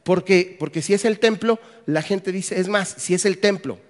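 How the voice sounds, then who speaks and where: Speaking at a moderate pace in a high-sitting voice, a Mexican pastor gives a conference sermon. His Mexican Spanish accent comes through as he jokes and asks the audience questions, all under a long hall reverb.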